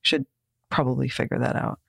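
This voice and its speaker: A woman's voice: very deep voice, fairly even intonation, brisk, gravelly, a bit bright, breathy edge. Woman podcast cohost, dry insistent way of talking, repeats stuff, no room echo at all. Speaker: podcast co-host. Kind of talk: casual chat.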